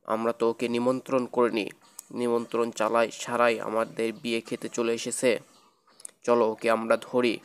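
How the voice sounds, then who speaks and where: A man's voice: medium pitch, monotone, normal speed, clean tone, close to an everyday voice. A man voicing a bossy cartoon ghost. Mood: hostile. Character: hostile ghost rallying the others.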